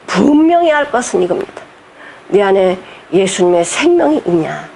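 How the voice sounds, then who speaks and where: A woman's voice: mid-range voice, darkish tone, slight background noise. A woman pastor giving a heartfelt sermon, firing rhetorical questions at the congregation, her voice sometimes catching with emotion. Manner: impassioned preaching, voice catching with emotion.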